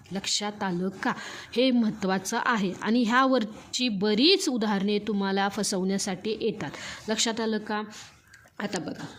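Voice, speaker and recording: A woman with a Marathi accent teaching a grammar lesson, drilling each point with repeated rhetorical questions. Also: on the high side. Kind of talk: classroom grammar lecture.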